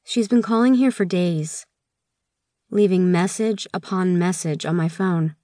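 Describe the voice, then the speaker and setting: Woman, audiobook narrator, first-person story, weary and subdued, very slow pace, dry close sound. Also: on the low side, warm tone, no room sound. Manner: weary, subdued inner monologue.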